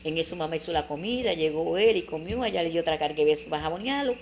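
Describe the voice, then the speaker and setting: An older woman, telling childhood memories in an interview. She tells them in a lively, animated way. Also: deep voice, fast talker, a little hiss or hum. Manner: animated, vivid storyteller who acts out family dialogue.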